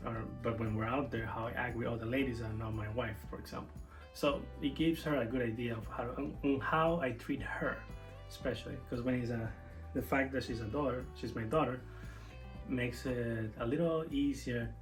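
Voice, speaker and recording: A man's voice: mid-range voice, rough recording. A young man from Venezuela talking casually to camera about parenting, earnest and reflective, often restarting his sentences. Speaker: co-host of a family channel.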